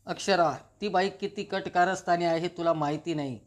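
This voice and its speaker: A man reading the lines of a suspicious father who gravely warns his daughter about a scheming woman. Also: high voice, fairly even intonation, normal speed, highs cut off, lightly acted. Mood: warning.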